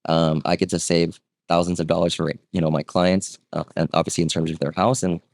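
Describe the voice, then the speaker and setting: A man with a deep, low voice tells his story in an easy, chatty way, full of small fillers and quick check-ins with the listener. He sounds close to the mic in a dry room. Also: gravelly, no echo. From Vietnam. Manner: relaxed, conversational, frequent fillers and rhetorical "right?". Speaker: guest, real estate agent. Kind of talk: casual interview storytelling.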